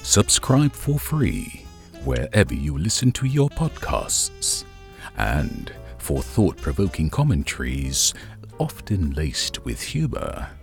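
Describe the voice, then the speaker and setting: A man delivers a scripted commentary slowly, in wry and formal phrasing. His intonation leaps up and down very dramatically, with faint music behind the voice. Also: rumbling low, vocal fry, a little mellow. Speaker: podcast host. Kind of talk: scripted opinion commentary monologue.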